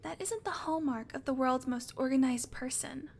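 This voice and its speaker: A woman's voice: sits high, moderate pace, gravelly. A woman playing a sardonic, teasing, foul-mouthed female vampire in a conversational audio roleplay. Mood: teasing, sarcastic. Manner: teasing, sarcastic, casual swearing. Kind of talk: audio roleplay acting, conversational, addressed to listener.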